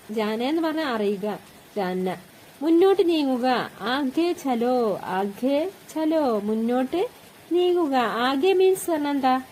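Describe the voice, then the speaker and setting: A woman's voice: high voice, darkish tone, slight background noise. A woman teaching spoken phrases, repeating each one and explaining it word by word. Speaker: language teacher. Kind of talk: teaching Hindi phrases with Malayalam meanings.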